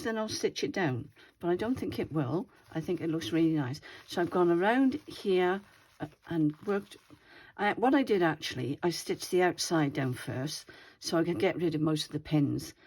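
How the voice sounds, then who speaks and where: This craft video host is an older woman whose voice sits lowish, with a darkish tone and a slight wheeze. At home, she shows her craft project in a chatty, wandering way, often correcting herself mid-thought.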